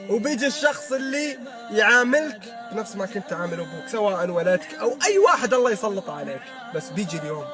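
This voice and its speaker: Saudi guy lecturing hard about respecting your parents, high voice, talks super fast, loud music under it. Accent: Saudi Arabic. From Saudi Arabia. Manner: preachy, swears oaths often, fervent. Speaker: social media creator. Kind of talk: impassioned moral advice monologue.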